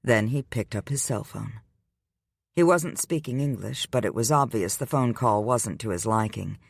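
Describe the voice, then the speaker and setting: A man reading a romance audiobook aloud in a steady, even storytelling manner. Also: on the low side, moderate pace, gravelly, husky, no room sound, clean studio sound. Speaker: audiobook narrator. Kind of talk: scripted romance narration.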